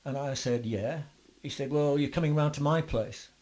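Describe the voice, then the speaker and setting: Older male musician guest, slightly high voice, meandering anecdotes full of uhs. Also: normal speed, a little mellow. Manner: rambling anecdotes with many fillers and restarts. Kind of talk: interview storytelling.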